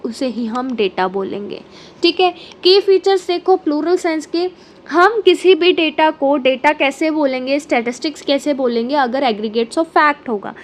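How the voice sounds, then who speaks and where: Woman, lecturer, high-pitched, exam prep lesson, step-by-step explaining, mixes in English terms, faint background hiss. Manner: explains step by step with frequent "ठीक है" check-ins.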